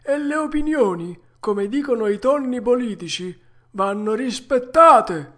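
A woman's voice: on the high side, animated, pitched above the performer's own voice. A woman voicing a resigned, philosophical old male tuna with a harsh, cracked voice, reading a storybook aloud. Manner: slow, grave and sententious.

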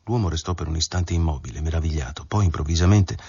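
A man narrating a literary novel as an audiobook, in a measured, dramatic manner. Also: extremely low pitch, vocal fry, warm tone, husky, no room sound. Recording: dull lo-fi dry recording.

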